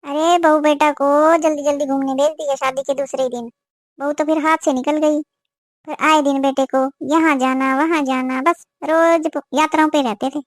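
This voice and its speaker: A woman's voice: high voice, fairly even intonation, moderate pace, no room sound, studio quality, close to an everyday voice. A woman voicing an older, meddling village auntie who gossips and gives warnings in a cartoon. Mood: gossiping. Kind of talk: cartoon voice acting.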